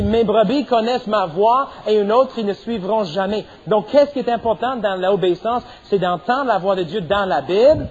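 A man's voice: sits high, breathy edge, dull audio. A middle-aged man preaching a sermon as pastor, stressing points and punctuating them with amens. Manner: preaching with rising emphasis and repeated amens.

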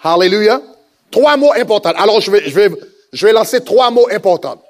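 A male preacher giving an emphatic sermon, repeating words and pausing with frequent hesitations. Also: high-pitched, lively intonation.

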